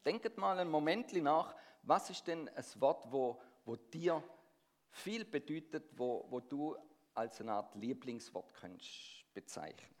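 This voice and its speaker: A middle-aged man from the Stuttgart area delivers a sermon in an unhurried, expressive voice that sits on the high side. His Swabian accent carries a tinge of Swiss dialect, and he engages the congregation by asking them questions.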